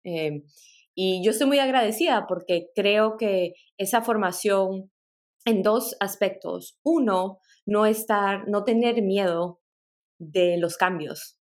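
This podcast interview guest is a tech product director from Peru, a middle-aged woman with a mixed Latin American Spanish accent. She tells her life story thoughtfully, with small laughs and restarts, in a slow, medium-pitched, darkish voice.

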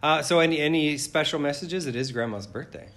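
A man's voice: on the high side, fairly quick, fairly bright tone. Middle-aged man, playful casual interviewer. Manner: playful, teasing. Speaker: father interviewing his children.

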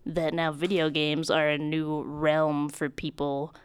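A young woman chatting casually about games, talkative and quick, laughing often and filling with "like". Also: low voice, little pitch movement, clean tone, dry recording, studio quality.

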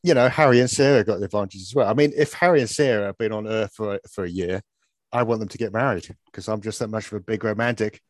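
A male podcast host in casual fan chat, measured and musing, often poking fun at himself. His voice sits fairly low and sounds dry and close, with no room echo.

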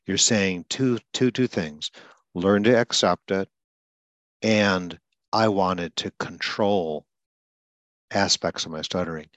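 An older man with a low voice, a speech coach, interviews a client in a calm, conversational way. He explains things slowly and deliberately and stutters lightly himself. The recording is dry.

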